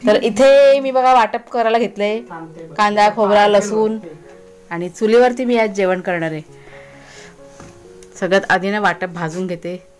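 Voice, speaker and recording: A woman's voice: medium pitch, a little slow, long pauses, a little mellow, faint music behind. A woman host with a Konkan Marathi accent, chatting casually in a village vlog, talking to her pets and her viewers outdoors.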